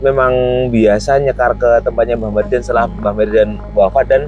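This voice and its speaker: A man's voice: mid-range voice, fairly even intonation, brisk, highs cut off, soft background music. Hesitant man telling a story. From Yogyakarta, Indonesia. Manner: hesitant, many "eh" fillers and restarts. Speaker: guest storyteller. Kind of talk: casual spoken storytelling.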